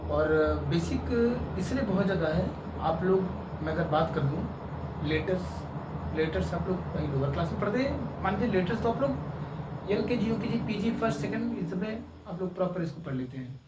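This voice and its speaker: A man's voice: high-pitched, recorded from a distance, background noise. Man teaching from an echoey room. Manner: slow, drawn-out explaining with frequent "ठीक है" checks. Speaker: English teacher. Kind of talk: YouTube grammar lesson.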